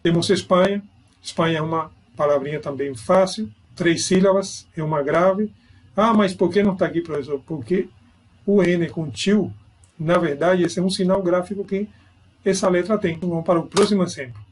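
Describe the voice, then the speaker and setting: A man's voice: sits high, moderate pace, a little mellow. A man giving an online grammar lesson, explaining step by step and checking in with his students. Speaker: Spanish teacher.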